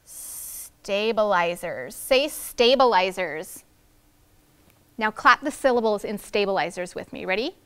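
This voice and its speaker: A woman in her thirties teaching first grade leads a read-aloud for young children indoors in a classroom. Her medium-pitched voice is animated, a bit bright, clear and resonant, and she moves at a measured pace while carefully sounding out the big words.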